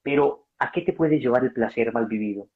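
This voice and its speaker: A man's voice: medium pitch, fairly quick. A man giving passionate, preaching-style answers on a video call, emphatic and acting out dialogue. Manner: emphatic, acts out dialogue, addresses listener as brother. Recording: dull lo-fi video call audio.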